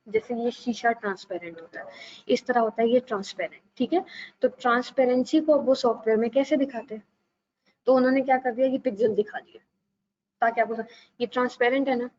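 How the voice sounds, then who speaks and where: A woman teaching a live online design class, patient and steady, often checking that students follow. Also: fairly high pitch, dull audio. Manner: patient, repeats "ठीक है" to check understanding.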